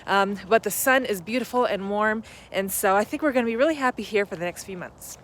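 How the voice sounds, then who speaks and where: A middle-aged woman films a casual RV travel vlog outside at an RV park, speaking to camera a little fast in a bit bright, mid-range voice with a little hiss or hum. Chatty and upbeat, she laughs easily and is a little out of breath.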